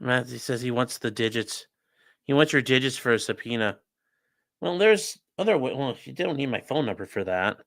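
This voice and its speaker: A man, both streamer and legal commentator, works on a model while casually answering his chat's comments, cracking sarcastic, offhand jokes directly at viewers. His medium-pitched voice is gravelly and a bit bright, with lively intonation at a normal pace.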